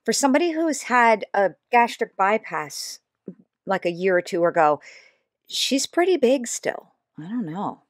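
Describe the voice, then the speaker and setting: A woman's voice: medium pitch, big pitch swings, unhurried, no echo, clean studio sound. A woman hosting a reaction commentary video, talking casually and making sarcastic, mocking asides. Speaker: YouTube commentator.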